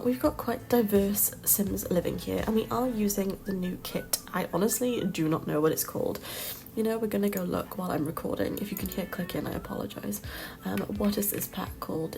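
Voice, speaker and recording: A woman with a medium-pitched, creaky voice does a chatty, rambling voiceover over her Sims build, full of ums and soft little laughs. Hay fever makes her slightly nasal, and the audio from her home mic is poor, with street traffic audible outside.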